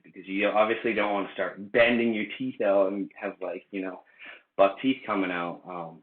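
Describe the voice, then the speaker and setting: A man in his late twenties with a very low voice rambles through a casual, unplanned video diary, full of ums and restarts. The sound is thin and phone-like, and the bare room around him echoes. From United States. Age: late 20s. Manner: rambling, many fillers and restarts. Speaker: vlogger. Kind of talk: casual unscripted vlog. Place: indoor room.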